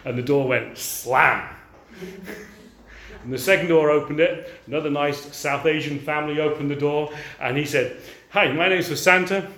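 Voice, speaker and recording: Animated older male preacher. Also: on the high side, normal speed. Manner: animated, asks the audience rhetorical questions. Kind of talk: sermon.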